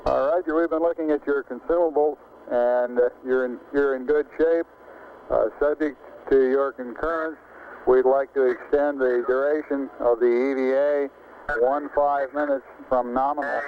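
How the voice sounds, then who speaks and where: A man working as a mission control communicator, speaking over radio in a formal, measured, procedural way. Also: mid-range voice. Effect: radio transmission. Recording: thin, noisy phone-like radio link.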